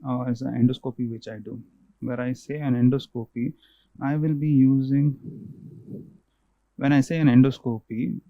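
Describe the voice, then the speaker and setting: A man's voice: mid-range voice, no room sound, highs cut off. A man, an ENT doctor, patiently explaining causes and tests to a patient, often restarting and repeating himself.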